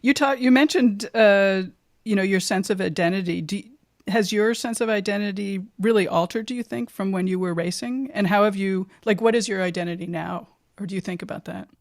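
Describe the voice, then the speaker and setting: A woman's voice: mid-range voice, fairly quick, dry recording. Woman podcast host, tentative questioner, dry close sound. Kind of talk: interview questions.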